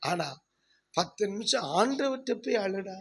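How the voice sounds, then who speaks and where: High-voiced man preaching a sermon. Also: expressive, a little slow, vocal fry, breathy edge. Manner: preaching with call-and-response questions to the congregation; leads loud prayer and shouts of hallelujah. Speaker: pastor. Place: church service.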